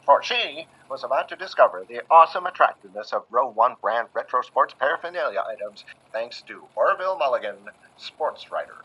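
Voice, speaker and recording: A man voicing a theatrical old-time radio announcer with a booming delivery. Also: lively intonation, brisk, hardly any pauses, sharp tone, slightly rough. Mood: dramatic. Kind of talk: 1940s radio acting. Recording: dull lo-fi sound.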